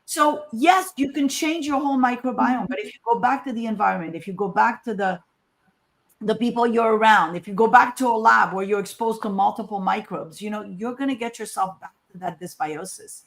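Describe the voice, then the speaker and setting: A Moroccan woman, a scientist, speaks fairly quickly in a somewhat high voice during an informal conference talk. Her manner is emphatic and conversational, and she often poses rhetorical questions.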